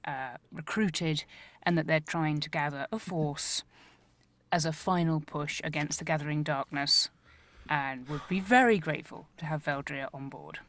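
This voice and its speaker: A woman's voice: low-pitched, normal speed, fairly bright tone, dry recording. A woman player in a tabletop game, talking casually and a bit hesitantly.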